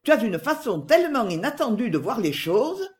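A reader voicing a defiant, ironic middle-aged woman with sharp, indignant retorts, in an audiobook. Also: fairly high pitch, very animated, moderate pace, pitched above the performer's own voice. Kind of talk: audiobook dialogue.

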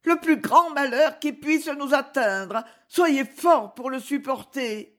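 A woman's voice: sits high, takes it slowly, pitched above the performer's own voice. A woman voicing a grieving young noblewoman, pleading and tearful. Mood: anguished.

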